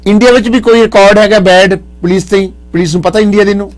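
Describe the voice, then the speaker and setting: A man's voice: sits high, fairly even intonation, quick pace. A man hosting a radio call-in show, questioning the caller closely and slipping in English phrases. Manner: probing, mixes English phrases. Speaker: radio host.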